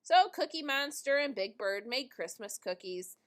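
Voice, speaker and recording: Her voice is a little high as she reads from a children's storybook, using an expressive, deliberate storytelling manner.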